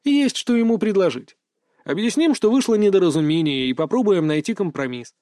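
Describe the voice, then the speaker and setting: Male audiobook reader, fairly high voice, dry close sound, brisk gruff edge. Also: expressive, warm tone, dry recording. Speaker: audiobook narrator. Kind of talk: first-person fantasy audiobook narration.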